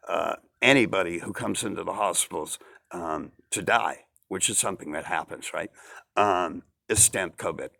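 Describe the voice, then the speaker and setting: Guy with a low gravelly voice rambling on, lots of rhetorical questions, bit of faint hiss behind. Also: sharp tone. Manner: rambling, repeats words and phrases, asks rhetorical questions. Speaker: vlogger. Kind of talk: casual monologue to camera.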